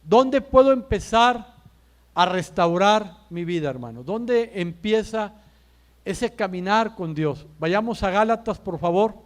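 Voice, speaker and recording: A man, a pastor, preaching a sermon in church, building his points with rhetorical questions, emphatic pauses and repeated calls of "brother". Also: sits high, expressive. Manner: addresses listeners as brother.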